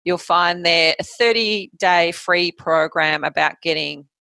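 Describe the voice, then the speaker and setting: A woman in a casual interview, talking about her coaching business in a brisk, practical way and laughing easily. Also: lowish voice, vocal fry, pushed and bright, no echo, rough recording. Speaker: guest, health coach.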